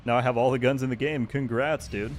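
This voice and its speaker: A man's voice: mid-range voice, steady tone, brisk, background noise. A man streaming a video game, chatting casually and thanking viewers by name. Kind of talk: casual live-stream chat.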